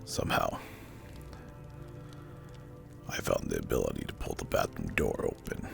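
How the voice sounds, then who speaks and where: A man with a rock-bottom, breathy voice tells a horror story in a hushed ASMR whisper. His delivery is slow, deliberate and spooky, thick with gravelly fry. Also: a bass voice. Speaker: narrator. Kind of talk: whispered ASMR horror storytelling, scripted first-person narration. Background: music.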